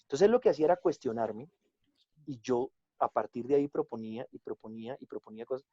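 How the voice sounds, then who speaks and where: A man with a Colombian accent chatting casually as a guest actor and director, telling lively stories and acting out other people's lines. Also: medium pitch, quick pace, dry recording. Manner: animated storytelling, drops into quoted voices. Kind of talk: casual chat. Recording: dull lo-fi, dry sound.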